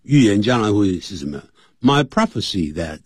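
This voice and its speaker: A male English teacher on a radio lesson, his husky voice swooping high and low as he explains. He switches between Chinese explanation and slow, careful English readings, close to a dry studio mic. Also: sing-song, dry recording. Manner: explains Chinese and English in turn, reads phrases slowly.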